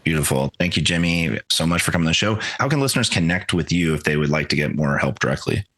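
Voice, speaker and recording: Very deep-voiced male podcast host. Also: animated, fast, a bit bright. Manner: reflective, conversational. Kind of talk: podcast interview and narrated recap.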